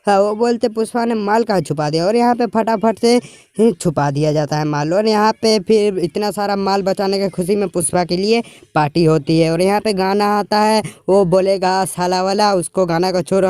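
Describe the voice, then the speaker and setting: A man's voice: sits high, darkish tone, smooth, no echo. A man casually retelling a film's plot, quoting the characters' lines in plain colloquial speech. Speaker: movie recap YouTuber.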